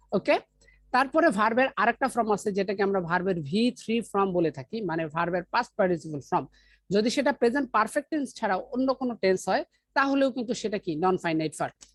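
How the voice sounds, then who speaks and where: A woman teaching an English grammar lesson, explaining step by step, asking the class questions and reading example sentences very slowly. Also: medium pitch, no echo.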